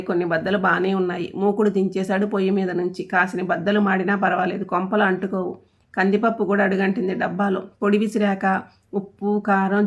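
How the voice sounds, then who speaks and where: A woman narrates a light domestic comedy in an even, unhurried reading voice. Her pitch stays flat, and her delivery carries a mild wry humour. The recording sounds dull and lo-fi. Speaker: storyteller. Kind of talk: storybook narration.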